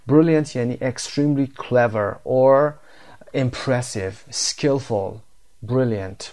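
A Persian-speaking man teaching English words and pronunciation, slowing right down to read the English examples aloud. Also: medium pitch, darkish tone. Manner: slow, careful when reading English examples. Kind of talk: explaining English vocabulary and pronunciation.

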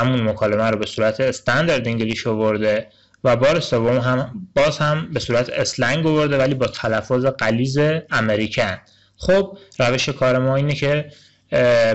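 Male language teacher, mid-pitched, patient lesson delivery, muffled lo-fi recording. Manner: explains patiently, reads English phrases slowly. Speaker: English teacher. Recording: dull lo-fi recording.

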